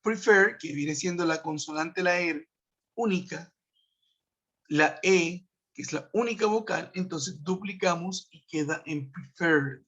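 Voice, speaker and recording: Slow, patient male teacher. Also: on the high side, fairly bright tone. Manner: patient, explains step by step, checks in with "¿sí?". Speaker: English teacher. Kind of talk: online grammar lesson. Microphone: web conference computer mic. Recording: dull lo-fi web call audio.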